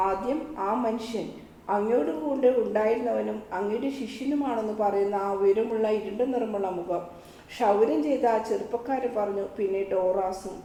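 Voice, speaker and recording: A woman's voice: a little high, warm tone. A woman reading a devotional story aloud, speaking all the dialogue in her own voice. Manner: reads every character's lines in her own voice. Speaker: narrator reading a religious book. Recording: echoey room, faint ambient noise.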